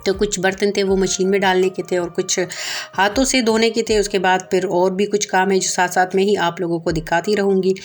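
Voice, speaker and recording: A woman in her thirties with a Pakistani Urdu accent narrates her household day in a chatty, homely way, talking straight to her viewers. Her voice sits at an ordinary middle pitch, and soft music plays faintly behind her. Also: little pitch movement, a little fast. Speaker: home vlogger. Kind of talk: casual home vlog narration.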